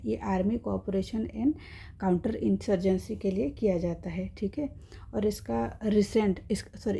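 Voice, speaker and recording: A woman's voice: mid-range voice, vocal fry, warm tone, breathy edge. A woman teaching an exam-prep lesson, explaining step by step in Hindi with English terms and checking in with her viewers.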